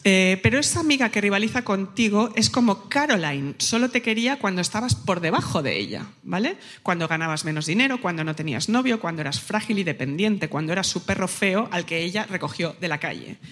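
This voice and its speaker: A woman hosting a live podcast on stage, mocking and quick with jokes. Her voice sits in the middle and carries a long hall reverb. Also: medium pitch. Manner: lively, mocking, mimics others in quotes. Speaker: podcast host. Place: live stage before an audience.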